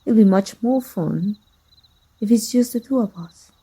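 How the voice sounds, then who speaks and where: A woman playing a jealous, possessive villain in an intimate ASMR roleplay, soft-spoken, teasing and menacing. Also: mid-range voice, unhurried, slightly rough, low-quality recording. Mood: possessive, coolly menacing.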